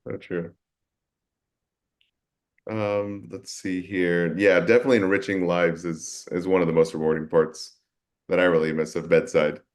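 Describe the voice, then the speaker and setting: A man with a fairly low voice talks through a casual webinar as a nurse educator. He sounds easygoing, with plenty of fillers and loose restarts as he chats. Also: normal speed, pauses often. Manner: relaxed, with many fillers.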